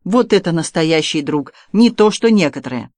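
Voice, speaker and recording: An audiobook reader voicing an excitable, touchy young gentleman who fusses and takes offence easily. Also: mid-range voice, no room sound, clean studio sound, lightly acted. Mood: aggrieved. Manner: fussy, quick to take offence. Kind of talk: audiobook character voice.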